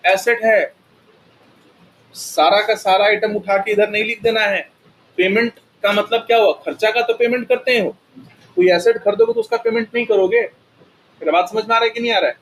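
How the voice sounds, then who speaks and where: High-voiced teacher drilling a class. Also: male voice, normal speed, a bit bright, slight background noise, poor audio. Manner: drills students with repeated questions, answers them himself. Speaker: accounting teacher. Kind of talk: classroom lecture.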